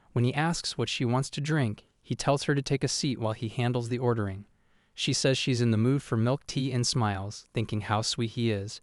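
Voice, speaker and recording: A man's voice: mid-range voice, no echo. Man narrating a manga recap in a dry, close voice. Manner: even, steady retelling in third person. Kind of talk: scripted narration.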